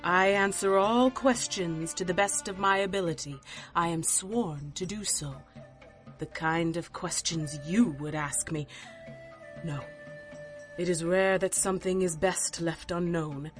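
A woman plays a haughty fortune-telling seer for an audio drama, lowish and unhurried. She is theatrical, curt and deadpan, with faint music behind her. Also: close to an everyday voice. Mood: stern, dismissive.

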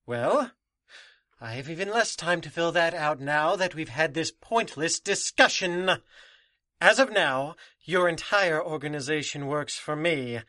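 Guy doing a slow drawly snake-haired supervillain, pompous then snarky, comedy audio drama. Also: fairly high pitch, lively intonation, pushed and bright, no echo, clean studio sound. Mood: sarcastic. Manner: grandiose then sarcastic. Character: menacing snake-haired masked male supervillain.

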